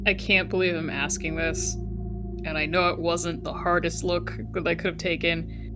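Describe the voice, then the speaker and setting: Music sits clearly behind this woman as she chats casually in a tabletop role-playing session, drifting between her character and herself. Her voice is on the low side with a level tone at normal speed, and her talk is dry-humored and long-winded.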